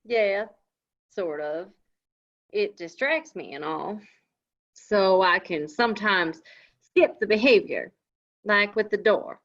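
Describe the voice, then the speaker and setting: A woman's voice: medium pitch, slow pace, pauses often, fairly bright tone. A woman reading the part of an anxious young man who talks in a folksy cowboy drawl, in a live script reading. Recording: dull lo-fi audio.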